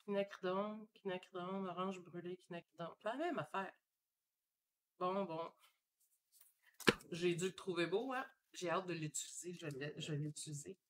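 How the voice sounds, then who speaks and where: Hosting a live stream from her home studio, this painter speaks with a Québécois French accent in a lowish voice, at normal speed with long pauses. There's background noise as she paints and thinks aloud, relaxed and chatty, full of fillers.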